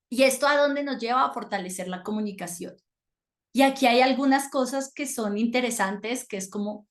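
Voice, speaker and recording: A middle-aged woman coaching mothers in a gentle, reflective, conversational way. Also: fairly high pitch. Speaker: parenting coach. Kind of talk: talk to mothers with slides.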